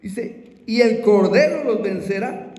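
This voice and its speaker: Slow, high-pitched male preacher in an echoey hall. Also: animated, darkish tone. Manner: unhurried, repeats phrases and calls out to the brothers. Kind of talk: sermon.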